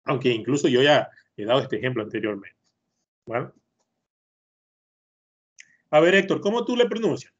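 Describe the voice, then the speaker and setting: Ecuadorian guy teaching kids english on a video call, kinda husky voice, muffled lo-fi audio, patient, repeats words a lot. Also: medium pitch, very animated, normal speed, long pauses. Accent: Ecuadorian Spanish. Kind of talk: online class for children. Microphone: computer mic on a video call.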